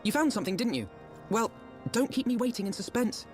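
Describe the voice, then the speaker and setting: A formal young scholar. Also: male voice, very high voice, animated, fairly quick, faint music behind. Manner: formal, eloquent, archaic phrasing. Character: earnest young male scholar diplomat. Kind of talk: game voice acting.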